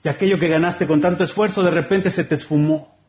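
Chatty Mexican preacher. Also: male voice, fairly high pitch, steady tone, fast talker, darkish tone, soft background music. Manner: conversational, humorous, repetitive rhythmic phrasing. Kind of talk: sermon.

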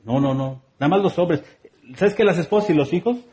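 A man's voice: fairly high pitch, fairly quick, dark tone, natural voice. A man voicing a stubborn, commanding Pharaoh inside a sermon, in his everyday voice. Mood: dismissive.

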